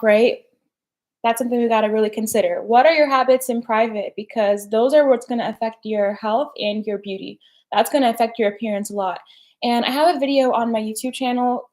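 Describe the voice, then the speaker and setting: A woman's voice: a little high, a little mellow. A young woman hosting a casual live stream, chatty and slangy, peppering her talk with "like" and "right?". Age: young adult. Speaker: personal development host.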